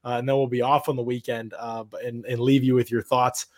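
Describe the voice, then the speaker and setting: A man's voice: mid-range voice, level tone, brisk, darkish tone, no room sound. Man podcast host with a cracking voice. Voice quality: cracking, strained voice. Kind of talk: casual sports podcast talk.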